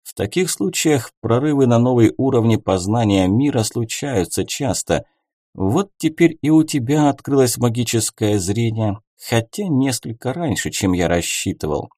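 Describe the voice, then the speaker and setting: A man voicing a calm young male mentor who reassures his student in a wry, composed tone. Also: medium pitch, moderate pace, no echo, clean studio sound, close to an everyday voice. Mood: reassuring.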